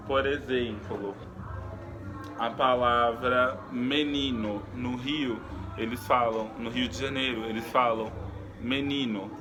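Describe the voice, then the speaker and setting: In a recorded lesson, this medium-pitched man explains at a relaxed pace, frequently stopping, restarting, and using fillers.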